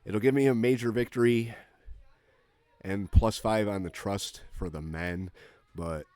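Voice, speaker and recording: A man giving casual, low-key commentary on his own gameplay, thinking aloud as he goes. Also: measured pace, darkish tone, dry recording.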